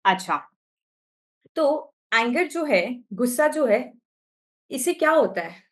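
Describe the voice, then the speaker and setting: High-voiced Indian woman teaching online. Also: very animated, slow pace. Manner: asks the class short check questions. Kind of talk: online class lesson. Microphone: video call.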